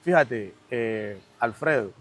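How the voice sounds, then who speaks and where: A man's voice: mid-range voice, expressive, slow pace, fairly bright tone. A man with a Caribbean Spanish accent from Cartagena, Colombia, explains things conversationally and emphatically, often checking that his listener follows. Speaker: podcast guest.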